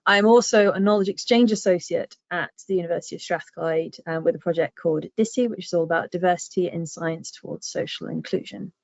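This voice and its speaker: Speaking quickly with vocal fry and barely pausing, this southern English woman, a public engagement manager appearing as a guest speaker, presents a webinar in a lower voice and southern accent. Her talk is chatty and peppered with ums and jokes at her own expense, heard through dry, muffled, echoless video-call sound.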